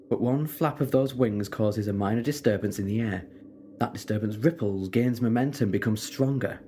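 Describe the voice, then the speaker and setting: A man acting a brooding, self-reproachful time-travelling Doctor in an audio drama, with deliberate, halting, theatrical phrasing. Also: medium pitch, dark tone, a little hiss or hum, lightly acted.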